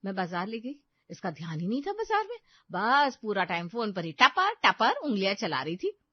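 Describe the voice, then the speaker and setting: A woman voicing a nosy, quick-tempered elder sister-in-law in an animated story, pushy and sharp-tongued. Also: mid-range voice, no echo. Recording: dull lo-fi dry recording.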